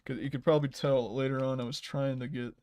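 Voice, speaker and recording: A man hosting a casual livestream, rambling while he edits and often trailing off into soft mutters. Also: medium pitch, level tone, fast talker, clear, resonant tone. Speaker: livestream host.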